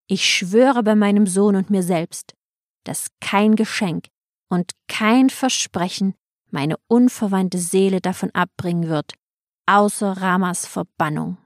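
A woman's voice: medium pitch, slow pace, dry recording, studio quality. A woman reading as a proud, vengeful queen who insists harshly on her demands, in an audiobook. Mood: demanding. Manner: imperious, insistent reproach.

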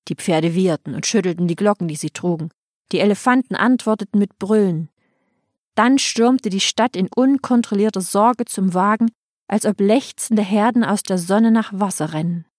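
A woman narrating an old epic as an audiobook in a solemn, measured storytelling manner. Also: mid-range voice, a little mellow, no room sound, clean studio sound.

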